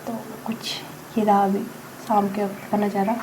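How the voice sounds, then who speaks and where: A woman's voice: medium pitch, level tone, moderate pace, background noise. A young woman chatting casually as a vlogger, talking along while she cooks and teasing family members playfully. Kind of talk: casual cooking vlog narration.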